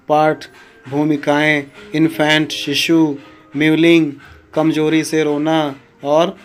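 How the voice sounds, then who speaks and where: Male teacher, slow steady lesson delivery, fairly high voice, faint guitar music behind. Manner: slow, even delivery with pauses to read out word meanings. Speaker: English teacher. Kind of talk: recorded lesson explaining a poem.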